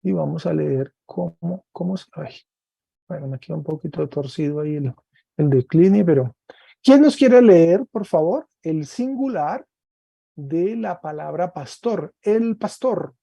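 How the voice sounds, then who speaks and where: A man leads an online Greek lesson, patient and encouraging as he drills each form. His voice is mellow and unhurried, recorded dry over a computer mic. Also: on the high side, expressive, creaky, slightly rough, dry recording, muffled recording. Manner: patient, encouraging, drills word forms slowly. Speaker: Greek teacher. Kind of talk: online class teaching.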